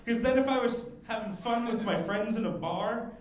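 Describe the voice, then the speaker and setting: A young man doing a stand-up comedy set on a club stage, mixing crowd work and quick asides, speaking into a handheld mic. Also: extremely high pitch. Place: comedy club stage before a live audience. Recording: roomy live club sound with audience laughter.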